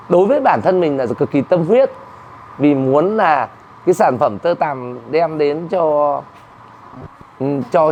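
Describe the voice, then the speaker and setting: An older man talks about his craft, stumbling and repeating small words. His voice sits a little high. The recording is dull, with faint room ambience. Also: a little mellow, slight background noise. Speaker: silk artisan. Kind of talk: interview answers.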